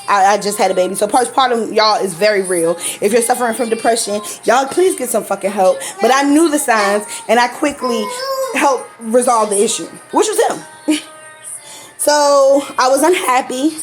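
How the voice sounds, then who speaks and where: Woman venting to camera, kinda high voice, cusses a lot, laughs here and there, faint music underneath. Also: normal speed. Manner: blunt, profane, laughs often. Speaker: vlogger telling a personal story. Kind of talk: candid casual storytime.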